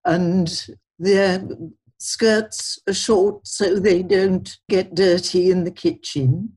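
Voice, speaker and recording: Unhurried older woman, slightly husky. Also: fairly low pitch, fairly even intonation, a little mellow. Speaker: guest, culinary historian. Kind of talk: podcast interview.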